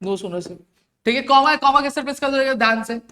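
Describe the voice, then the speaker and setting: Guy teaching grammar, asks a question then answers it slow, mutters while writing. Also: very high-pitched, pushed and bright. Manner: keeps asking quick questions, then dictates answers slowly. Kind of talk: recorded grammar lesson.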